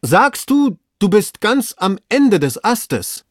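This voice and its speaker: A man reading aloud, voicing an excitable gentleman shouting urgent orders up a tree. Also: a little high, moderate pace, husky, no echo, studio quality, pitched above the performer's own voice. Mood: excited. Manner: loud, urgent commands. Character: excitable gentleman treasure hunter, man, agitated. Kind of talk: audiobook reading.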